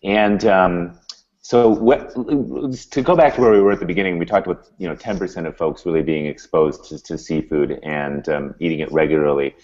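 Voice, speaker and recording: Casting: hesitant male moderator, very deep voice, lo-fi web stream. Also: normal speed, a little mellow. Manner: hesitant, questioning, many ums. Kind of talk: panel discussion.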